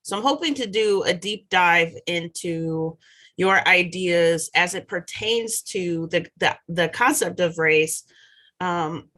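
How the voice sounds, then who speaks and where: A woman's voice: lowish voice, pushed and bright. A woman hosting an interview, welcoming her guest and asking questions in an eager, upbeat way. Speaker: host.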